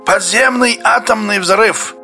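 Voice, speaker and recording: A feverish, excitable geologist, as a male reader puts him on, with a high, agitated voice that keeps breaking into shouts. Faint music plays behind him in this audiobook reading. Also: slow, full character voice. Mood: uneasy.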